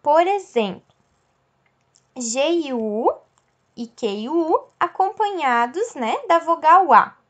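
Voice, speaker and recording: A woman's voice: high-pitched, expressive. A woman teacher explaining a lesson patiently, checking in with her class and stretching out example words. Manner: slow, explanatory, checks in with "certo?" and "ok?".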